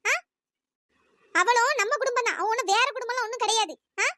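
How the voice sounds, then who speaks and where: A performer voicing a sharp-tongued older aunt in a cartoon story, nagging and accusing. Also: extremely high pitch, brisk, very noisy. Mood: scolding. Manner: nagging, accusing, shouting insults.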